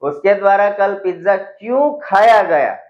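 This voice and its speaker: A man teaching English grammar in a lesson, explaining slowly in Hindi and reading English example sentences aloud, sometimes spelling words out letter by letter. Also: high voice, animated. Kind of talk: classroom-style grammar lesson. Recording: echoey room, dull lo-fi sound.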